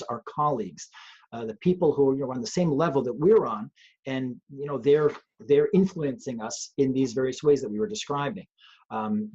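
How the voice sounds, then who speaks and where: A man's voice: mid-range voice, darkish tone, husky, highs cut off. A man, a police trainer, talking earnestly and thoughtfully on a webcast, often restarting his sentences. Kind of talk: conversational webcast talk. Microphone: video call.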